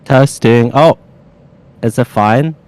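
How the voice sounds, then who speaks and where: A man's voice: mid-range voice, slow, smooth. A man on a voice call whose mic is peaking, so his voice clips and distorts as he tests it in a casual way. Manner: casual, testing his mic with short calls. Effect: clipping, distorted mic peaking too loud. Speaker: guest on a streamer's voice call. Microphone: voice-chat mic, heard through the call. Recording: distorted clipping voice-chat mic with noise.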